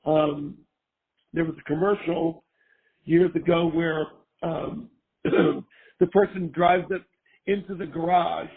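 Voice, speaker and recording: An older man, hoarse from a cold, chatting casually as an interview guest and rambling with lots of fillers. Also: on the high side, fairly even intonation, slow pace, long pauses. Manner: rambling, full of fillers and restarts. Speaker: guest, former costume maker. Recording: tinny phone-line sound.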